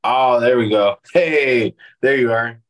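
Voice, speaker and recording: A man's voice: medium pitch, slow, a bit bright, low-quality recording. A man hosting a casual chat over a video call, swearing freely and laughing often. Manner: profane, laughing, rambling.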